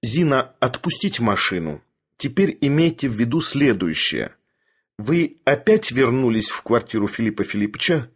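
A man voicing a steely young male doctor who speaks in a cold, commanding, deliberate way, with a husky voice. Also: mid-range voice, big pitch swings. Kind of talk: audiobook character voice.

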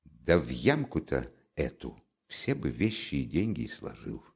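A man's voice: extremely low pitch, wildly swooping pitch, measured pace, creaky, darkish tone, pitched below the performer's own voice, full character voice. A man reading the part of a feverish, overwrought young student who mocks and taunts the man he is talking to. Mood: brooding, secretive. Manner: mocking, nervous, teasing. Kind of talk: audiobook character reading.

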